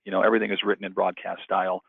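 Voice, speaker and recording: A man with a low, gravelly and somewhat husky voice presents a radio industry webinar in a flat, even delivery. He talks quickly with lots of restarts, and the audio is dry and tinny like a phone line. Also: no room sound. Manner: energetic, talks fast with many restarts. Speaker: radio programmer and webinar co-host.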